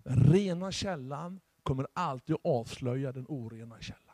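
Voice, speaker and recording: A Swedish man preaching a charismatic sermon as pastor, swinging from hushed asides to loud exhortation. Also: medium pitch, animated, vocal fry, dry recording.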